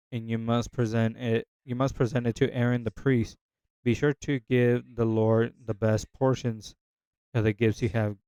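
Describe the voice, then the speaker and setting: A man's voice: medium pitch, darkish tone, clear, resonant tone, no echo, rough recording. A man reading a Bible passage aloud in a casual way, stumbling over hard words and restarting lines. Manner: unsure of hard names, pauses to check pronunciation. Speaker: scripture reader.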